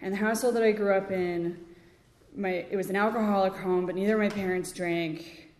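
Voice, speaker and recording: Halting woman sharing in echoey hall. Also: medium pitch, fairly even intonation, darkish tone. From Connecticut, USA. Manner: halting, filler-heavy, with small laughs. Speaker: speaker at a recovery meeting. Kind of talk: personal recovery testimony. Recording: echoey hall with long reverb.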